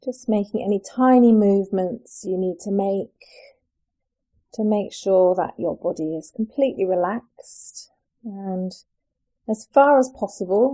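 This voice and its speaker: Gentle and soothing like a yoga instructor, a woman leads a guided relaxation with unhurried pauses between her phrases. Her voice is relaxed, dark and mellow, pitched in an ordinary middle range for a woman.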